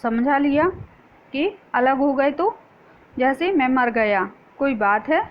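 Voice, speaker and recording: A woman's voice: high voice, animated, slow pace. Stern old family head, read by a woman. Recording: dull lo-fi recording.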